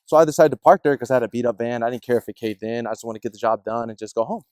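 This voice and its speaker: A man telling a personal story in casual discussion, animated and acting out the people in it. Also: medium pitch, racing, smooth, no room sound. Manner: animated, acts out other people's voices in his stories.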